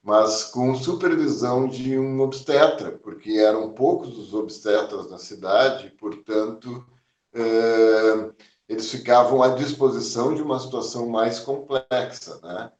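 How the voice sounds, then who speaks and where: A man in his sixties from southern Brazil, a physician calmly recounting his life in an oral history interview, with many small fillers. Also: medium pitch, reverberant, distant mic, highs cut off. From Porto Alegre, southern Brazil. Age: 60s. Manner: measured, reflective, frequent "né?" and "eh" fillers.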